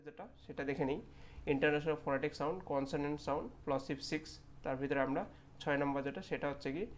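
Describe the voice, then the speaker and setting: A man teaching English pronunciation in Bengali, saying English example words slowly and repeating them. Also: on the high side. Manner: repeats the filler "okay" often. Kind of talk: phonetics lesson.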